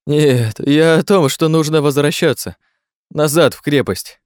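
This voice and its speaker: A man reading aloud, voicing a frightened young man who whines and pleads near tears, his voice pushed higher than his narration. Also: measured pace, smooth, no room sound, clean studio sound, lightly acted. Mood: frightened pleading. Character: frightened whimpering young man lost underground.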